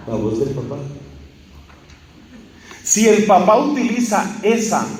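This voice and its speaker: A man's voice: fairly high pitch, a little mellow. Emphatic male preacher in an echoey hall. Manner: emphatic, repeats key phrases, asks rhetorical questions. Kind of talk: live sermon to a congregation. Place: large hall or church with an audience. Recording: echoey hall, speaker far from mic, faint hum.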